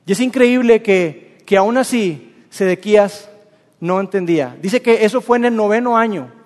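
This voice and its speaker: Man, preacher, high voice, lively colloquial storytelling, long hall reverb. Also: normal speed. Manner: lively, colloquial, animated retelling. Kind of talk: sermon storytelling.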